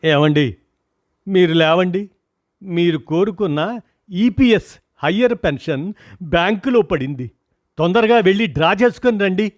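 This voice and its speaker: A man's voice: on the high side, moderate pace, a bit bright, voice pushed up, close to an everyday voice. A man voicing an older woman urgently calling out to her unconscious husband at his hospital bed. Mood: urgent, pleading. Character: pleading wife of a dying man, older woman.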